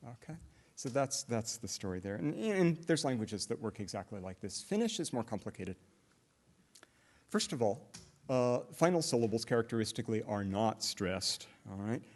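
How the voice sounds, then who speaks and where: A middle-aged man lecturing at a conference, explaining step by step and often pausing on "uh" fillers and restarts. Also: medium pitch, big pitch swings, darkish tone. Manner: hesitant, many "uh" fillers and restarts; explanatory, walks through examples step by step. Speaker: linguistics lecturer. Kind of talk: academic conference talk.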